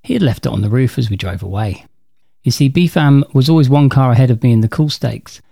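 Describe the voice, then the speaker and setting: A man in his forties with a mellow, relaxed timbre, recorded close and dry with no room around him. He hosts his own podcast and reads his stories from a script in a dry, matter-of-fact way, at an ordinary middle pitch. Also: a little fast, creaky, no room sound. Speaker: podcast host. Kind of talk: scripted personal storytelling.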